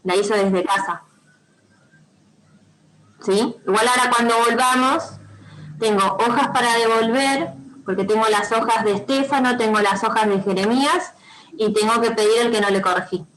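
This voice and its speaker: Patient Rioplatense teacher on a video call. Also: female voice, a little high, steady tone, moderate pace, a bit bright, a little hiss or hum, poor audio. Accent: Rioplatense Spanish. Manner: patient, repeats instructions, checks with frequent "¿sí?". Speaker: primary school teacher. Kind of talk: online class instruction.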